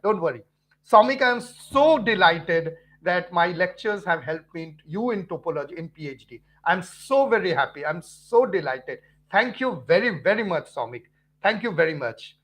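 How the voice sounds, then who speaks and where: An earnest middle-aged man with an Indian English accent chats with viewers on a live stream, his voice sitting high for a man. He talks like a teacher, repeating points and stumbling over restarts and fillers as he goes. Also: a bit bright.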